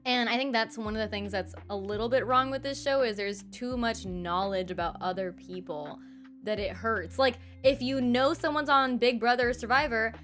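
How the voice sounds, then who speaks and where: Animated young woman chatting with her stream. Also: fairly high pitch. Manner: animated, laughs often, reads chat aloud. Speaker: streamer chatting with live chat. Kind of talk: casual livestream chat.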